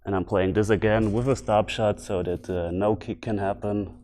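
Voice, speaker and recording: A man from Bavaria with a German accent, a native German speaker giving casual, unscripted instructional commentary as a video host, pausing to find his words. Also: fairly low pitch, steady tone, mellow. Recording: music behind the voice. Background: background music.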